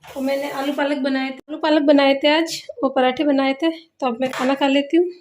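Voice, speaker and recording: Mother-vlogger, woman, high bright voice, chatty and homely, recorded at home. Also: little pitch movement, normal speed, slight background noise. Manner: chatty, scolds children gently. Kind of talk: casual home vlog chat. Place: home indoors.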